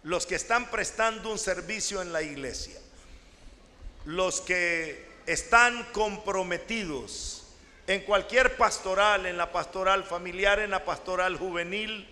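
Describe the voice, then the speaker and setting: A man preaching a sermon to a congregation in a large church, with dramatic, slow delivery and sudden shouts. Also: high-pitched. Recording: echoey church hall.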